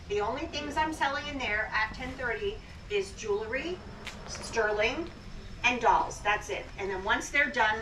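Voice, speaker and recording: A woman working as an auctioneer, giving bidders plain-spoken, businesslike instructions about how the sale will run. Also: fairly high pitch. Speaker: estate auctioneer. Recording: distant, echoey, clearly noisy pickup.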